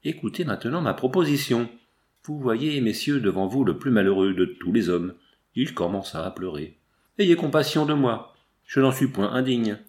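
A man's voice: medium pitch, expressive, normal speed, a little mellow, close to an everyday voice. A man reading the lines of a proud, grieving medieval prince in an audiobook, in a declamatory, pleading manner.

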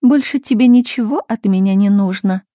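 A woman's voice: medium pitch, normal speed, mellow, no echo, clean studio sound, close to an everyday voice. A woman voicing a cold, defensive older mother who answers in raised, indignant exclamations, in a storybook reading.

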